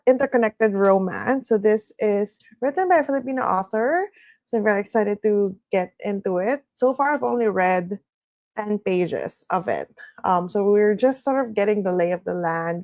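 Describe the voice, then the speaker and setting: A woman's voice: mid-range voice, dry recording. A woman hosting a livestreamed reading session, chatting casually and easily, sometimes in a sing-songy way. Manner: chatty, relaxed, reads viewer comments aloud; sing-songy delivery at times. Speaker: streamer hosting reading sprints.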